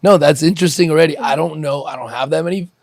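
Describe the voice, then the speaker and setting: A man's voice: on the high side, quick pace, vocal fry, dry recording, studio quality. A man from Ukraine hosting a podcast, chatty and joking, often restarting his sentences. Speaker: podcast host. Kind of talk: casual interview chat.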